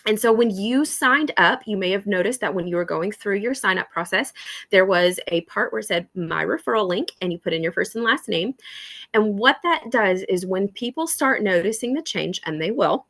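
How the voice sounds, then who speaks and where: A woman's voice: medium pitch, animated, normal speed, fairly bright tone. A woman hosting a welcome call for new members, chatty and encouraging. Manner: encouraging, chatty, acts out little dialogues.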